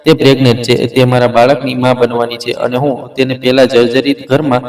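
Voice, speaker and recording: A man's voice: mid-range voice, level tone, fairly quick, darkish tone, lightly acted. A man reading the lines of a desperate, remorseful rich husband, pleading and agitated. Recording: roomy, distant mic.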